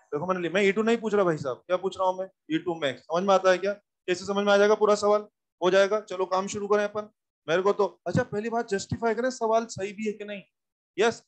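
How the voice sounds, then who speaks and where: A man teaching physics in a lively classroom lecture, coaxing students with repeated questions and reminders. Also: high-pitched.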